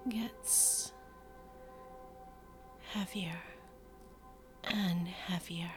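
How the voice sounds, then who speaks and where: Slow woman whispering right in your ear. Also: fairly low pitch, fairly even intonation. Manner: very slow, seductive, soothing commands. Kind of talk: whispered ASMR hypnosis role-play. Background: music with singing bowl tones.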